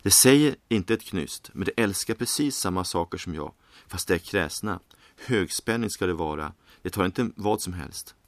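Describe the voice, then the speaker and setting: A man voicing an eccentric male inventor in a read-aloud story, warm and confiding, with a vague Eastern European and American lilt. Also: sits low, expressive, dry recording. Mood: enthusiastic. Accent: faint, vague Eastern European and American.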